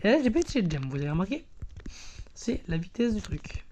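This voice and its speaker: A man hosts a casual gameplay video from his bedroom at home, rambling, self-deprecating, and full of fillers. His voice is high-pitched and sing-song, he talks fairly quickly, and the background is noisy.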